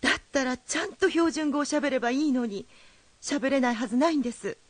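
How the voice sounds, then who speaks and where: A woman's voice: high-pitched, a little fast, dry recording. An actress playing an anxious, proper mother who speaks in polite, formal tones but grows insistent. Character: anxious, proper mother fretting over her son. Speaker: worried mother.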